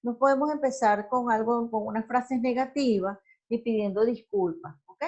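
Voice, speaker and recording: A woman teaching a recorded class lecture, explaining slowly and checking in with the listeners often. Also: fairly high pitch, a little mellow, muffled recording.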